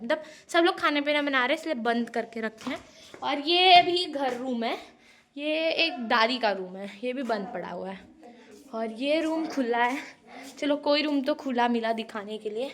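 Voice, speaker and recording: A woman's voice: a little high, a bit bright, slight background noise. Chatty young woman giving a home tour. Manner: chatty, playful, addressing viewers as guys. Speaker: vlogger. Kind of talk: casual home tour vlog. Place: family house, indoors and courtyard. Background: family members talking around her.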